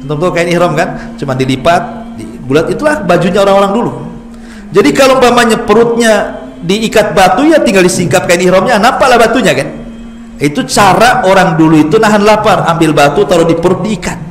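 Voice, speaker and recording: A man preaching an informal religious lecture as a lively storyteller who jokes with listeners and acts out quoted lines. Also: sits high, a little fast. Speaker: Islamic preacher. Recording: echoey room, faint background music.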